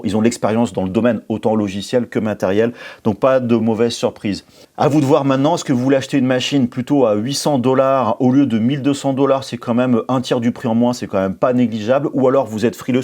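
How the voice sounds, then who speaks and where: A man's voice: medium pitch, warm tone. A man hosting a maker channel, giving a casual product review with many fillers and restarts. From France. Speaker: maker channel host reviewing a CNC machine.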